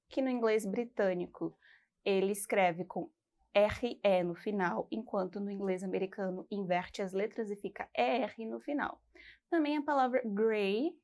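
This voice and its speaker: Brazilian woman teacher, slightly high voice, patient explanatory lesson delivery. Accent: Brazilian Portuguese. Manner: patient, explanatory, frequent "tá?" check-ins. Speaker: English teacher. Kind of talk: educational video lesson.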